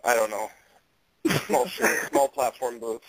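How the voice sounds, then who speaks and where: A man's voice: mid-range voice, steady tone, measured pace, a little hiss or hum, low-quality recording. A man chatting and joking on a casual radio show, rambling through his questions.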